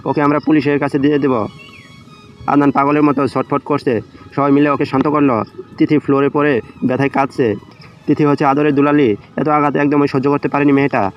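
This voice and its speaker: Male storyteller for romantic drama, even intonation, music underneath, slightly dull lo-fi recording. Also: fairly high pitch, brisk. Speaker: audio story narrator. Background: background music.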